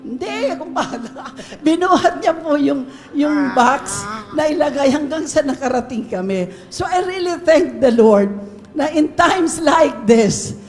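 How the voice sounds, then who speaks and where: A woman giving a lively, laughing testimony in a church service, mixing English into her Tagalog. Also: high voice, measured pace, soft background music. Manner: animated storyteller, laughs often, mixes English into Tagalog. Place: church sanctuary. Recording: long reverb of a church hall.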